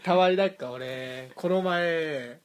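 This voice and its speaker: A man's voice: a little high, slow. A man with a Toyama accent co-hosting a casual radio chat, laid-back and playfully teasing. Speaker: radio show co-host.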